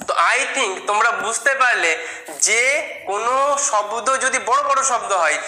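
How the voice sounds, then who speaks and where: Bright-voiced teacher spelling out words. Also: mid-range voice. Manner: slow, patient spelling out letter by letter. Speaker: English teacher. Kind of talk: spelling and pronunciation lesson. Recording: echoey room.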